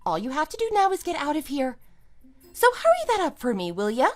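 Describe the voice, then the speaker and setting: Faint music sits behind a brisk, high-pitched woman whose pitch swoops wildly as she acts in an amateur audio drama. Her character is a scornful, triumphant wife kicking out her unfaithful husband, and her lines come out sarcastic, emphatic, smug and matter-of-fact.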